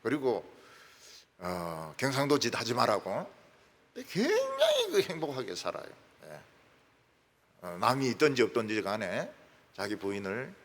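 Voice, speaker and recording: A male pastor, preaching a sermon in a folksy storytelling manner. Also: breathy edge. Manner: folksy storytelling with wide swings in pitch and volume. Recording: echoey church hall.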